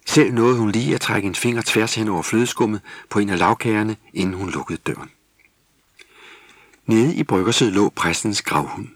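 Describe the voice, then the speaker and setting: A man narrating a Christmas children's story in steady, scripted storybook style. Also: on the low side, dry recording.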